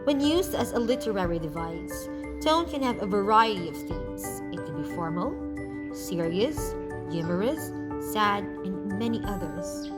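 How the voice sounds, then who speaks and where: A woman from the Philippines reading a scripted English lesson, with a clear, measured teaching delivery. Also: medium pitch, animated. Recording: music playing behind the voice.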